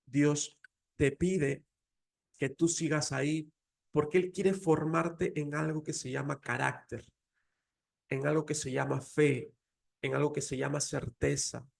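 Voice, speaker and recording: Mexican guy giving a heartfelt faith talk, kinda gravelly, voice sits a bit high. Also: darkish tone. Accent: Mexican Spanish. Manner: emotional, earnest storytelling. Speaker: faith speaker.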